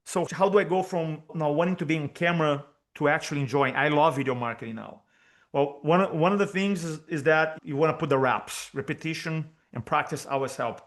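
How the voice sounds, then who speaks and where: In a brisk, slightly high voice, a Brazilian speaking coach talks energetically during a video call interview where he is the guest. Portuguese is his first language, his accent is Brazilian Portuguese, and he repeats his main points to emphasize them.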